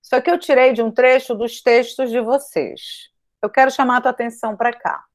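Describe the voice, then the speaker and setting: A woman with a high, bright voice teaches a writing class online. She hammers each point with repetition and stretches key words for emphasis. She speaks straight to her students as if they were in front of her. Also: fairly even intonation, fairly quick. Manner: emphatic, repeats points, addresses students directly. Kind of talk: online grammar lesson.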